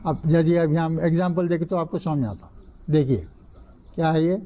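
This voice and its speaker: A man's voice: a little high, flat delivery, mellow. An older man teaching an Arabic grammar class in a mosque, asking the class questions and answering them himself while repeating the key rules. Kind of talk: classroom lecture.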